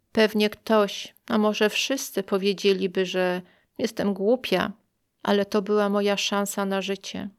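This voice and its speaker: Woman narrator, first-person memoir, quiet and reflective, smooth clear voice, mid pitch. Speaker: narrator of her own story.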